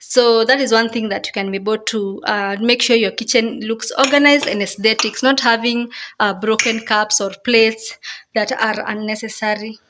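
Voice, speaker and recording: A woman's voice: fairly high pitch, fairly even intonation, moderate pace, background noise. A woman vlogger with a Kenyan accent, casually explaining things step by step and repeating her phrases as she goes. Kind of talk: casual home tour explanation.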